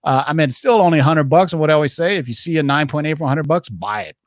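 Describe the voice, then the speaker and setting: A man's voice: fairly high pitch, rapid-fire, dry recording, clean studio sound. A man hosting a casual comic-book livestream, hyping things up like a giveaway announcer in a rambling, joking, salty and informal way. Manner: salty, jokey, informal address. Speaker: livestream host.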